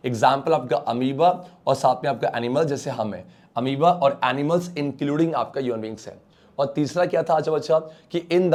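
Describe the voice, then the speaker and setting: A man's voice: medium pitch, darkish tone. An Indian man teaching an online science class, coaxing his students with questions and mixing English terms into his speech. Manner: coaxing, calls students beta and bachcha, mixes English terms; asks questions and answers for the students.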